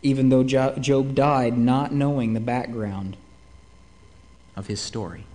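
Delivering a sermon at a measured pace, this mid-range male voice stays animated throughout, often turning to rhetorical questions for his audience.

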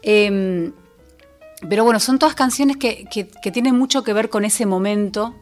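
A woman singer-songwriter with a Rioplatense Spanish accent talks through her songs in a casual interview, soft music playing in the background. Her mid-range voice moves at normal speed, and she comes across as thoughtful and reflective, full of fillers and small restarts.

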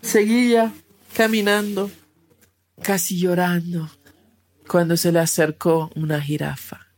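A woman telling a children's animal story slowly and expressively, repeating words for effect. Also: lowish voice, fairly even intonation, a little mellow.

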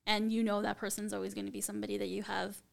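Woman, podcast guest, vocal fry, gravelly, animated, casual chat. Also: medium pitch, very fast. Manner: animated, laughs often.

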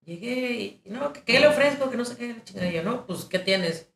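A young woman from Mexico, hosting a casual chat and telling slangy, animated stories. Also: a little high, fairly quick, gravelly, reverberant, a little hiss or hum. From northern Mexico. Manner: slangy, expressive storyteller. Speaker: podcast host.

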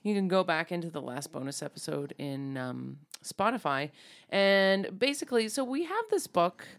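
A woman co-hosting a podcast, talking in a low, gravelly voice with plenty of vocal fry. She chats casually and rambles, filling her talk with ums and likes and laughing easily. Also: big pitch swings, normal speed. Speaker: podcast co-host.

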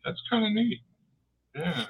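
A man's voice: sits high, sing-song, unhurried, breathy edge. A man talking casually as a podcast guest, laid-back and joking, heard over a tinny line. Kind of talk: casual chat.

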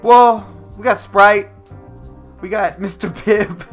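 A man's voice: high-pitched, brisk, bright, forceful tone, faint music behind, voice pushed up. Curt drive-thru worker woman, as a man puts her on.

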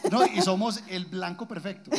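A man telling profane, animated comic stories as a podcast co-host on a live stage. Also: high voice, moderate pace. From Colombia, Guatapé area. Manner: animated, profane, laughing storyteller. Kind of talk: live comedic storytelling. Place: live stage before an audience.

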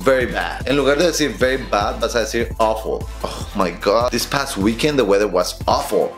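A man's voice: mid-range voice, moderate pace, reverberant, soft background music. Playful man teaching English. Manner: lively, playful, switches between Spanish and English examples. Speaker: English teacher, channel host. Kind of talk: casual YouTube English lesson.

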